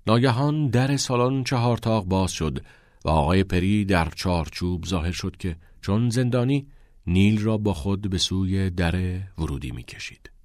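A man narrating a story in a measured, even storytelling manner. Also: deep voice, dry recording, studio quality.

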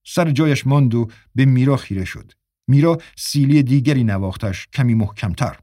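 A man narrating a story in a measured, even way for an audiobook. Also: mid-range voice, no room sound, clean studio sound.

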